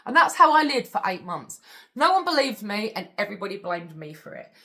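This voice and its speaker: Woman, confessional vlogger; blunt, intense, sweary, with a sharp, bright tone. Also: medium pitch, sing-song, a little fast. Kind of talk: confessional storytelling to camera.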